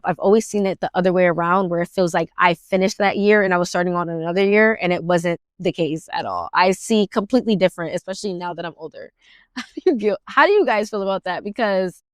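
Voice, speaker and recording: A woman's voice: fairly low pitch, clear, resonant tone, no echo, clean studio sound. A woman in her twenties hosting a casual podcast chat, rambling and filling her talk with "like". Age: 20s. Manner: rambling, heavy use of "like". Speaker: podcast host.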